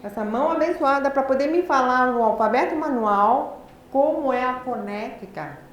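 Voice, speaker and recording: A woman with a Brazilian Portuguese accent telling a personal story in a lecture, articulating words deliberately and with effort, in a lively, animated way. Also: high voice. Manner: deliberate, effortful articulation of a speaker who learned speech late. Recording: very echoey hall, faint background noise.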